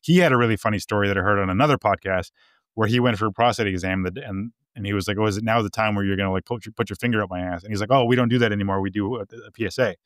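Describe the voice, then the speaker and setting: A man's voice: lowish voice, rapid-fire, dry recording, studio quality. A man co-hosting a podcast in casual chat, telling stories with frequent laughs and restarts. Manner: chatty storyteller, laughs often, many restarts. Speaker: podcast co-host.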